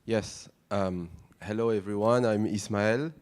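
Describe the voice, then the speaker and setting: A man's voice: lowish voice, a little slow, darkish tone. A middle-aged man, introducing himself on a conference panel with light humor and frequent fillers. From Morocco. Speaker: panelist, startup founder.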